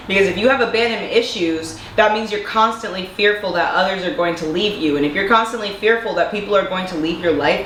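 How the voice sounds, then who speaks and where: A young woman who vlogs, slightly congested, gives an earnest, casual talk to camera, peppering it with rhetorical questions. Her pitch is fairly low but her tone fairly bright, and the recording is echoey with faint noise.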